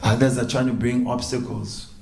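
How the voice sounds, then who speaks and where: A man, a spiritual teacher, telling a sacred story as a sermon in an animated way, acting out the characters. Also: mid-range voice, normal speed, vocal fry. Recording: echoey room.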